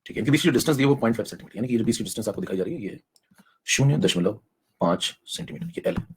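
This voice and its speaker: A young man lectures a live online chemistry class at a breakneck clip. His voice is husky and worn, held back softly to spare it. He coaxes students along, dropping English technical terms into his speech. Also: medium pitch, animated. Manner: rapid, coaxing, mixes in English technical terms. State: saving his voice, speaking softly. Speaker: chemistry teacher.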